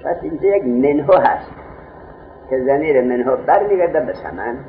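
A man's voice: mid-range voice, expressive. A man teaching a grammar class, explaining with everyday market examples and answering his own questions. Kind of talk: classroom lecture on Arabic grammar. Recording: tinny phone-like lo-fi recording, faint hiss.

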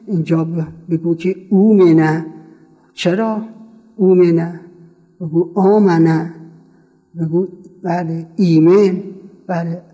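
A man's voice: a little high, steady tone, long pauses, dark tone, slightly rough, highs cut off, soft background music. A man teaching a seminary class, quizzing his students and repeating word forms for them to copy. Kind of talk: classroom lecture on Arabic grammar. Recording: long reverb from a hall.

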